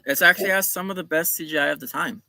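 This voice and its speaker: A man's voice: fairly high pitch, racing, vocal fry, a crowd in the background. A man on a casual panel podcast, pushing back on a point with insistent, rambling arguments. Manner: insistent, hedging with "like".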